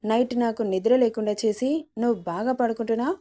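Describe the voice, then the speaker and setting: Woman doing a scolding young wife, exasperated, pleady, mellow voice. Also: on the high side, a little fast, close to an everyday voice.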